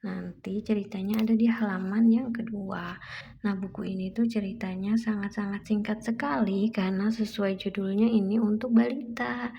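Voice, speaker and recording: A woman's voice: medium pitch, creaky. A woman, a mother reading a picture book aloud to toddlers in simple storytelling, repeating and explaining lines, on a muffled recording with background noise.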